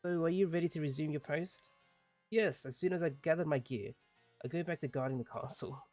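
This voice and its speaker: A man's voice: fairly high pitch, fairly quick, a little mellow, faint music behind, lightly acted. A man reading as a stammering castle guard. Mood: flustered. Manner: stammering, flustered. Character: nervous lazy male castle guard.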